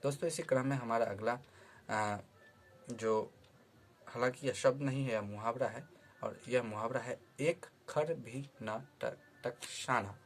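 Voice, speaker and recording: A man teaching a vocabulary lesson, patiently repeating each word slowly before explaining its meaning. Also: medium pitch. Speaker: Hindi teacher.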